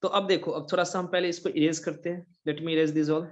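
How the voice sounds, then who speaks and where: High-voiced Indian man teaching a class. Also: fairly even intonation, a little fast, dull audio. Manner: mixes Hindi and English, repeats checking questions. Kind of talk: online English grammar lecture.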